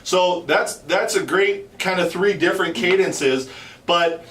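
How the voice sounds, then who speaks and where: A male instructor talks viewers through a technique in a loose, conversational style. His voice sits a little high and he often circles back to rephrase. He is some distance from the mic, with clear room echo around him. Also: measured pace, fairly bright tone, slight background noise. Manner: informal, repeats and rephrases himself. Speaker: host and instructor.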